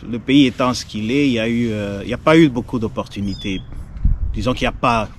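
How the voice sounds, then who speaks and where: A Congolese man in his forties, a doctor, talking in a measured, hesitant way as an interview guest. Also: medium pitch, slight background noise. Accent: Congolese French. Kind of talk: casual interview.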